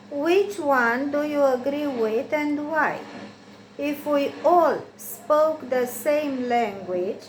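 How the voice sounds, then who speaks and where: A Romanian learner of English, a woman with a high voice, works through textbook exercises, reading them aloud slowly and carefully and giving answers. Her recording carries roomy echo and faint hiss.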